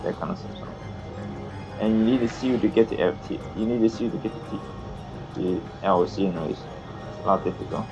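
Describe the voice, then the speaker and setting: Male friend on a call, low voice, halting advice-giving, muffled lo-fi audio with music underneath. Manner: advising, repetitive, hesitant. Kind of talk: casual gaming chat.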